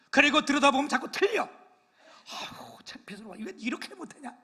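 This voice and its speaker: An older man preaching a sermon as pastor, telling stories with hushed asides and loud exclaiming peaks, teasing his congregation. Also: extremely high pitch. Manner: self-deprecating, teases the congregation for no amens. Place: church sanctuary.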